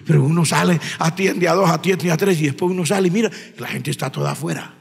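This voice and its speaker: A Colombian pastor preaching a Pentecostal sermon with a Colombian Spanish accent, moving from quiet scripture reading to shouted, fervent exhortation. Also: male voice, fairly high pitch, fast, creaky. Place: church sanctuary. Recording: church hall with long reverb.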